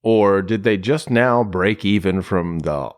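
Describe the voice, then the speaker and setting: A man's voice: low voice, slow. A man co-hosting a podcast in casual chat, wry and joking, swearing freely. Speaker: podcast co-host. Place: home, separate from co-host.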